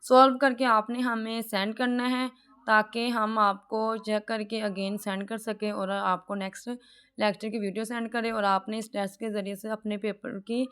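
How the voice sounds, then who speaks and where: A woman teaching an online class, explaining step by step and reading English sentences slowly before translating them. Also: a little high, a bit bright, clear, resonant tone.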